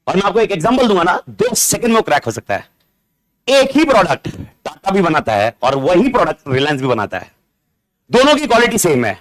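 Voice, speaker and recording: Middle-aged guy teaching a class, pretty high voice, lively and teasing, keeps quizzing the room, classroom mic. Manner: animated, teasing, repeats key words and asks the class questions. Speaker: accounting exam lecturer. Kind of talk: live classroom lecture streamed online. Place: classroom with students present. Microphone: amplified classroom mic.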